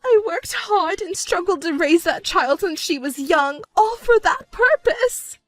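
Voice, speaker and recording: A woman playing a shrill self-pitying stepmother. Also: a little slow, soft background music. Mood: wailing. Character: shrill selfish middle-aged stepmother, whiny and manipulative. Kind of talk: dramatized story narration.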